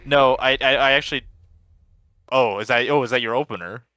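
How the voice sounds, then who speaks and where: A man in casual gaming chat with friends, talking in slang with animated, exaggerated reactions. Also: mid-range voice, brisk, clean tone. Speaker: gamer in a friendly match. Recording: faint background noise on voice chat.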